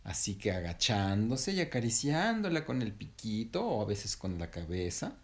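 A man gently telling an improvised bedtime story to his child, pausing to correct himself. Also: lowish voice, sing-song. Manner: gentle, unhurried, self-correcting.

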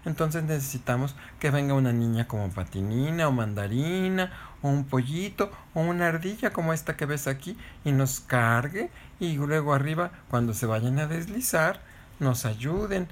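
A woman's voice: low-pitched, animated, moderate pace, slight background noise, pitched above the performer's own voice. A woman voicing a cheerful male talking stick who loves sliding, explaining things at length in a raised voice. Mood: eager.

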